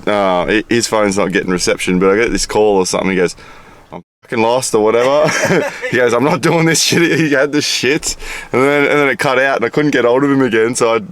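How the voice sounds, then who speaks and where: A man's voice: mid-range voice, steady tone, quick pace. An Australian man casually telling camping stories outdoors, laughing often and swearing freely. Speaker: vlogger. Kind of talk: casual chat. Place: outdoors at a campsite.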